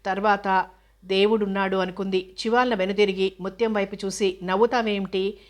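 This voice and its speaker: Woman, novel narration, steady reading, mid pitch, flat intonation. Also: moderate pace. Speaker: audiobook narrator.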